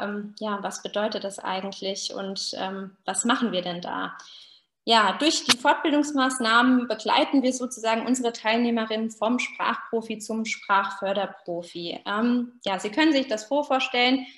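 A university researcher in her thirties presents an explanatory online lecture over a video call from a small indoor room, speaking directly to her listeners. Her voice sits on the high side with a fairly bright tone, and the webcam audio sounds roomy and echoing.

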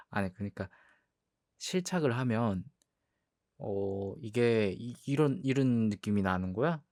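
A man playing a playful, defensive young boyfriend in a role-play ASMR audio drama, talking haltingly and repeating his words as he protests. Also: fairly low pitch, animated, darkish tone, no room sound, clean studio sound. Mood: curious, hesitant.

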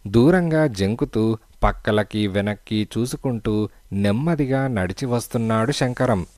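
Low-voiced man narrating a detective story. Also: measured pace, darkish tone, no echo. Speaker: audiobook narrator.

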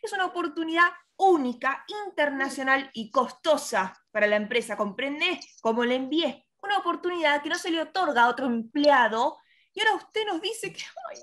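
A woman's voice: high-pitched, lively intonation, moderate pace, fairly bright tone. A woman playing a fussy, formal office secretary who gets flustered. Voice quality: prim, formal and easily flustered. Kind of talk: amateur theatre play over video call.

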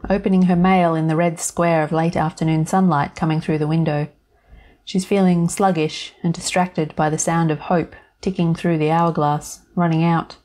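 Calm woman storyteller, low voice. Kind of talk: scripted narration.

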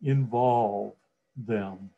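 Slow, husky man coaching speakers. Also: fairly low pitch, dark tone, highs cut off. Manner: slow, deliberate delivery with long pauses and repeated phrases. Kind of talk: motivational talk on public speaking.

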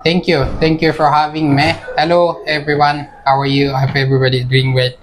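A man's voice: fairly high pitch, flat delivery, a little fast, a little hiss or hum, low-quality recording. A young man from Ethiopia, a taxi service manager, answers interview questions politely and hesitantly, with many fillers. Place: small office.

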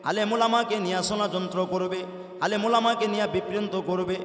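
A man's voice: high voice, steady tone, brisk. A man preaching a sermon, often lapsing into a melodic chant and calling out to his listeners. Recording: echoey hall, voice from a distance.

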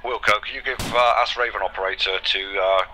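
A man's lowish voice comes through a radio channel with bursts of static and a steady noisy hiss behind it. He calls in measured military radio procedure as a squad leader, halting on small fillers between clipped phrases.

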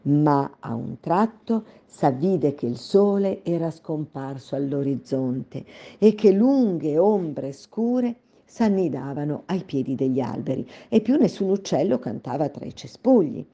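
Lady reading a fairy tale out loud, very dark mellow voice, fairly low. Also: muffled recording. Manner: calm, measured storytelling. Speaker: storyteller.

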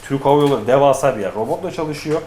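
A man with a mid-range, mellow voice talks quickly and casually about customs procedures, telling stories and acting out the dialogue. The recording has an echoey room and faint noise.

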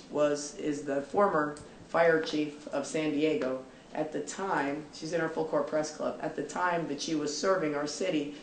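A middle-aged woman coach giving an emphatic, instructive pregame pep speech to her team in a locker room. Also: sits low. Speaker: basketball coach. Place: small indoor locker room in front of seated players. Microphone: camera several feet away. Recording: roomy locker room, distant mic, faint noise.

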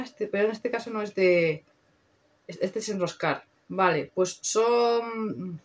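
A young woman with a Spain Spanish accent, chatting casually and slangily through a makeup review, swearing freely. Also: mid-range voice. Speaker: beauty vlogger.

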